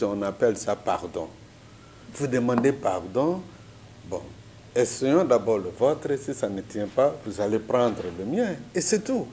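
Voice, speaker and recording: A man's voice: lowish voice, dark tone, a little hiss or hum. A man from Congo giving an earnest, preacher-like political commentary in an interview, making his points with parables and biblical examples.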